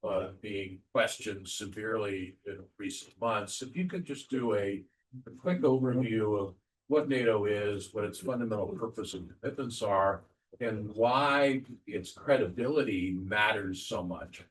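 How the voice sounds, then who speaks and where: Low-voiced man moderating from a distance. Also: unhurried. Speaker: panel moderator, former speechwriter. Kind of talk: measured introduction with anecdotes. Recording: distant mic with faint room noise.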